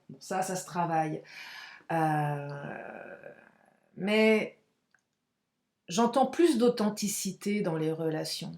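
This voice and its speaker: A woman giving a casual, chatty tarot card reading to her viewers, expressive and frank, with frequent exclamations. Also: on the low side, roomy sound. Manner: frank and outspoken. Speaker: tarot and oracle card reader.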